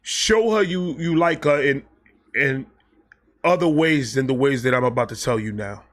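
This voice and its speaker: A man hosting a storytime vlog, telling a personal story in a casual, animated and profane way, often restarting and repeating himself. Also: medium pitch, moderate pace. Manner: animated, profane and self-mocking, with frequent restarts and repeated phrases.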